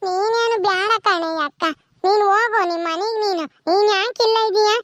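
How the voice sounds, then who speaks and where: A woman's voice: extremely high pitch, a little fast, fairly bright tone, no room sound, pitched above the performer's own voice. A woman voicing a naive, stubborn young woman in a cartoon, speaking in a sulky, childlike whine. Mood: defiant.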